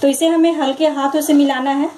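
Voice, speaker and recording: A woman with a high-pitched voice narrates a home recipe one step at a time. She sounds calm and instructive and repeats each step. There is faint background noise over the kitchen sounds. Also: fairly quick, poor audio. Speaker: cooking channel host.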